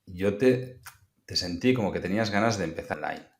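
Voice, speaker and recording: Low-voiced podcast host. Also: male voice, a little fast, creaky. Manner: relaxed, chatty, many fillers. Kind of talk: casual interview chat.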